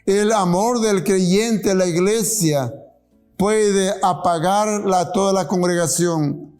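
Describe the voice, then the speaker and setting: Earnest high-voiced preacher man. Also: a little mellow, faint music behind. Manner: earnest, pleading, with slowed emphatic phrases. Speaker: pastor. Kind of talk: sermon and closing prayer.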